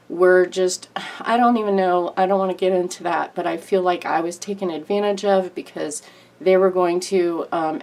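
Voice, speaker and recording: A woman speaks to her viewers in a candid personal update. Her voice sits low and carries a gravelly fry, with a congested, nasal edge. She rambles earnestly and apologizes often. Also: a little mellow. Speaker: YouTube crafter and artist.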